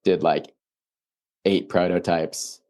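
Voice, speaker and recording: A young man from Illinois, a founder being interviewed, talking in a relaxed, rambling way full of "like" fillers. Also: deep voice, slow. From Illinois, USA. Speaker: founder and guest. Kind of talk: casual interview.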